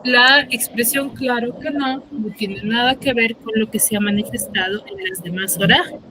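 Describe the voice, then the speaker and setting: A woman's voice: a little high, normal speed, noisy background. A woman teaching an online class, reading passages aloud, explaining them and calling on students by name. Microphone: computer or phone on a video call.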